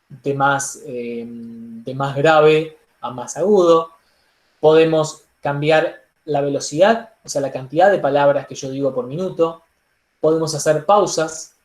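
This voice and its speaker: A man with an Argentine accent teaching public speaking in an online workshop, animated, with frequent "digo" and "entonces". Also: fairly high pitch, reverberant. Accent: Argentine Spanish. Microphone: laptop microphone on a video call.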